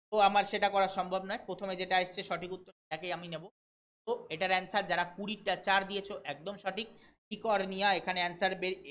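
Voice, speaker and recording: A man from West Bengal teaching a live online exam-prep class, reading English questions out slowly and explaining them briskly while checking in with his students. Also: sits high, bright, forceful tone. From West Bengal, India. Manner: brisk, keeps checking in with listeners.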